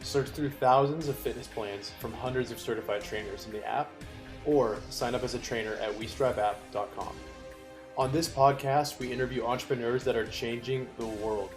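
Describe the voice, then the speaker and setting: A man's voice: medium pitch, normal speed, over music. A man hosting a podcast, reading an intro and chatting in an upbeat, joking way. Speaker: podcast host. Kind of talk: podcast intro and casual interview.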